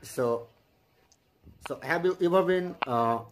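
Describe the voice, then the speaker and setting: Brief: man, twenties, English learner, hesitant, higher-pitched. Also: a little hiss or hum. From Bangladesh. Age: 20s. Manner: halting, repeats okay, flattering. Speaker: channel host practicing English. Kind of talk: casual chat. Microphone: video call.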